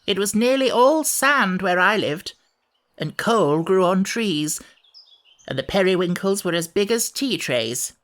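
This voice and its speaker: A woman voices a peevish, ancient sand fairy for a children's audiobook, using a mid-range, expressive, slightly bright voice at a measured pace. The fussy, self-pitying creature reminisces, spinning out old memories in a gloomy, grumbling way.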